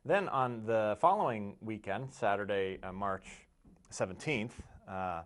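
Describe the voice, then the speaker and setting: A man with a fairly low voice speaks as an interview guest. He explains details in a halting, measured way, breaking his sentences into short pieces. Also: lively intonation. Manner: halting, measured delivery with many pauses. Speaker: interview guest from a conservation group. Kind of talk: informational interview talk.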